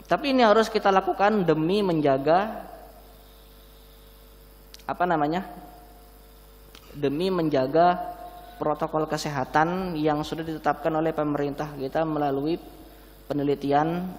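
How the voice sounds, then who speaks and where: A man delivers an Islamic sermon through a face mask, a little short of breath. His voice sits on the high side and rings with long hall reverb. He explains points conversationally, posing questions to his listeners. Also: a little slow, pauses often. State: slightly breathless. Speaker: preacher. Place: large mosque hall, indoors.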